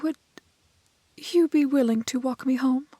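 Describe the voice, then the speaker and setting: The speaker is a woman acting as a gentle young village maiden with a curious streak in a romantic fantasy audio roleplay. Her high, breathy, soft voice comes across with hesitant, old-fashioned politeness and no room sound. She comes off timid and courteous.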